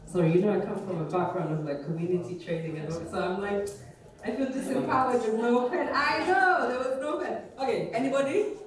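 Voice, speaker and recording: A woman's voice: a little high, a little fast. A woman facilitating a conference workshop, chatty and informal as she coaxes people to share. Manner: informal, chatty, coaxing the room. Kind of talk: facilitating a group session. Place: conference hall. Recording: echoey hall, far from mic, crowd behind.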